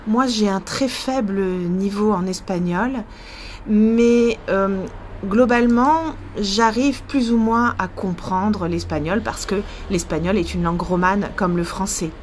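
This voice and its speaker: French woman teacher musing out loud, lots of euh, mid pitch, slight hiss in the room. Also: slow pace. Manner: hesitant, thinking aloud with many fillers. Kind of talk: casual language-learning vlog, thinking aloud.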